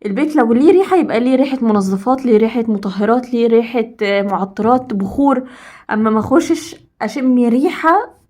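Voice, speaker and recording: Egyptian woman, quick emphatic advice talk, a bit high-pitched. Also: expressive, darkish tone. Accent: Egyptian Arabic. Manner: emphatic, repeats herself for stress. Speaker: home advice vlogger. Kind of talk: casual advice talk to women.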